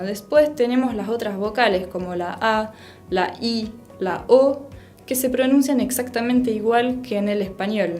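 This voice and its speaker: A woman's voice: medium pitch, darkish tone. A woman whose first language is French, teaching a pronunciation lesson and patiently repeating each sound to model it.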